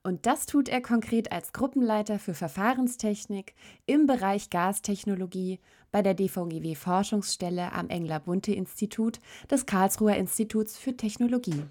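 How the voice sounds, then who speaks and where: A woman hosting a podcast, reading a clear, scripted introduction and questioning her guest. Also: medium pitch, normal speed, a little mellow. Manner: clear, read-out phrasing. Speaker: podcast host.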